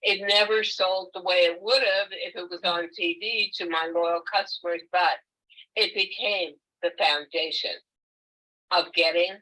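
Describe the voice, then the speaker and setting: An older woman, an author, telling her own story as a guest on a video call in a candid, emphatic, animated way. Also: on the low side, a little slow, poor audio. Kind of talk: conversational interview. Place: home, virtual meeting.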